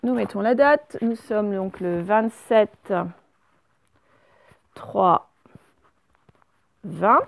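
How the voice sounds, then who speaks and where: A primary school teacher with a medium-pitched, gravelly voice records a remote spelling lesson, patiently spelling words letter by letter for young pupils. She speaks extremely slowly with lively intonation and frequent pauses. The recording is dry.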